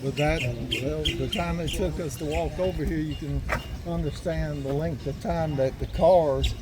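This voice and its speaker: A man's voice: a little high, unhurried. Easygoing man on a walking tour. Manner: easygoing, explanatory. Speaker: vlog co-host. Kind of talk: casual walking-tour commentary. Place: outdoors at a waterfront marina, walking.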